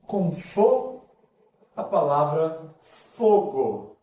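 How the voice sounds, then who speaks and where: A man's voice: a little high, big pitch swings, drawn-out words, mellow, far from the mic. A man with a Brazilian accent teaching a literacy lesson, patiently sounding out syllables one by one. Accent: Brazilian Portuguese. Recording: echoey room, voice off-mic.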